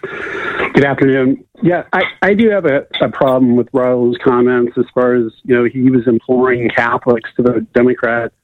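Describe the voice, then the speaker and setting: A man's voice: medium pitch, steady tone, normal speed. A man calling in to a radio talk show, speaking bluntly and firmly over a buzzy, glitchy phone line that keeps breaking up. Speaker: caller. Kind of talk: call-in radio comment.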